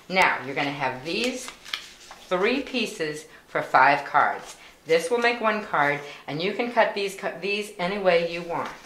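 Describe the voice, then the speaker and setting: A woman giving patient, step-by-step instructions for a card-making craft, with plain wording and small fillers. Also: fairly low pitch. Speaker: volunteer instructor. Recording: echoey room with faint noise.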